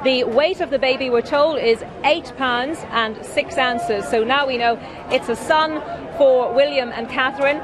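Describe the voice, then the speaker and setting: A woman's voice: high voice, measured pace, noisy background. A woman giving live breaking news as a reporter outdoors, improvising with some hesitation as updates come in. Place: outdoors outside a hospital. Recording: cheering crowd behind. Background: large cheering crowd.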